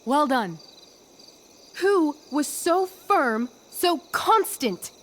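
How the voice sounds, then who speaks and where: A persuasive, poised teenage girl from a video game, with a youthful and fairly high voice. She speaks slowly in a measured, theatrical Shakespearean manner, with faint outdoor insect sounds behind her. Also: sing-song, slight background noise, full character voice. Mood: grand, commanding. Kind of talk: video game acting, Shakespearean stage delivery.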